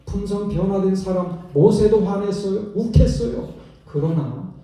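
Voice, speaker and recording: A man's voice: high-pitched, measured pace, mellow. A male pastor preaching a sermon in a church, asking the congregation rhetorical questions. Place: church sanctuary. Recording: echoey church hall, distant mic.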